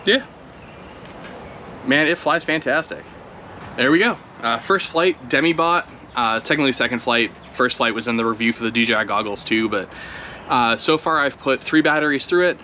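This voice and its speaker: A man talks casually outdoors, his voice bright and a little forceful as he thinks aloud mid-flight. A faint outdoor hum sits behind him. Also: mid-range voice, normal speed. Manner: relaxed, chatty, thinking aloud while flying. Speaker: drone video creator. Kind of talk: casual first-flight commentary.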